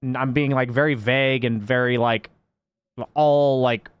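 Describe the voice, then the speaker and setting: A man's voice: medium pitch, fairly even intonation, unhurried, clean tone, no room sound, dull audio. A young man, a game coach, chatting casually to his stream viewers, explaining ideas in a rambling, reflective way full of fillers.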